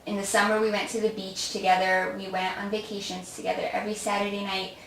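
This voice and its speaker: A woman born in Australia and raised in Chicago, whose first language is Romanian, speaks with a slight Romanian accent as a guest in a casual interview, warmly telling her family story and laughing often. Her voice is medium-pitched and flat, and she talks fast. The mic sits at a distance in an echoey room, with a little hiss or hum.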